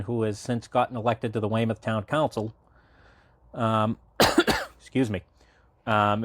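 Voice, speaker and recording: A man in his late twenties from Massachusetts, with a mid-range voice and a dry recording, is a podcast guest and local party committee chair. In this casual interview he talks at length and rambles, full of fillers and restarts.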